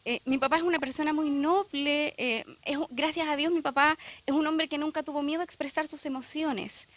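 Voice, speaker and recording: A woman's voice: high-pitched, fairly even intonation, brisk. A young woman, speaking reflectively and with emotion in a church testimony interview, often hesitating with fillers.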